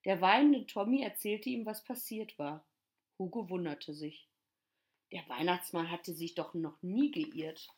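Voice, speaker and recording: A woman's voice: fairly low pitch, a little slow, darkish tone. Woman reading a children's story. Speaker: storyteller and teacher.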